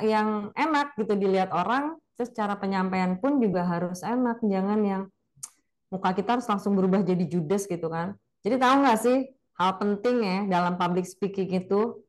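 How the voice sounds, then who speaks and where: A woman speaking casually in a webinar on public speaking, chatty and lively, demonstrating different intonations, over a video call mic. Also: medium pitch. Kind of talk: casual spoken lecture.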